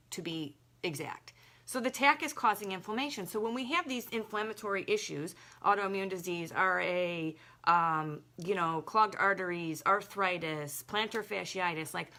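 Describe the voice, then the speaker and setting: A young woman working as a holistic health coach talks straight to her listeners in a loose, chatty way, leaning hard on her points. Her voice is bright and forceful, with a middle pitch, and she scatters "like" through her sentences. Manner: chatty and emphatic, lots of "like". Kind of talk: casual direct-to-camera talk.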